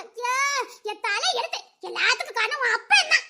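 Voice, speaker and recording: A woman playing a loud, sharp-tongued young wife, shouting and taunting her husband. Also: very high voice, animated, fairly quick, background noise. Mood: scolding. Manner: shouting, taunting, mocking laughs.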